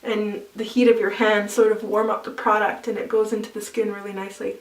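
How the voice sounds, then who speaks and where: In a roomy recording picked up by a distant mic, a makeup vlogger talks through her tutorial step by step as she applies each product, dropping in easy fillers. Her medium-pitched voice stays fairly flat and moves at a fairly quick pace.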